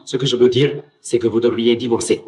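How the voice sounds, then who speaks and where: An actor dubbing a wealthy businessman father who coaxes his daughter, with a calm, fatherly manner. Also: medium pitch, fairly quick, slight background noise, close to an everyday voice. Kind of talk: dubbed drama acting.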